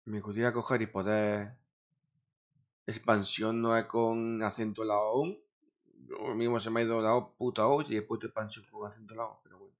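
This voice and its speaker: Grumbling streamer, lo-fi sound. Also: male voice, lowish voice, little pitch movement, a little fast. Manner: grumbling, swears often, talks to himself. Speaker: gaming streamer. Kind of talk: casual streaming chatter. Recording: dull lo-fi sound.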